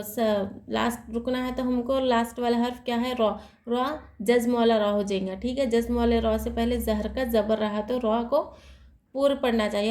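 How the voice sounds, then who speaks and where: A woman's voice: on the high side, a little mellow, roomy sound. A woman teaching Quran reading rules in an online lesson, explaining patiently, repeating each rule and asking and answering her own questions.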